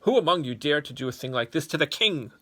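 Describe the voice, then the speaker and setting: A man's voice: on the high side, lively intonation, fast talker, a bit bright, pitched above the performer's own voice. A man voicing an angry, proud king who roars commands in a storybook reading. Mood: furious. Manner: roaring, commanding.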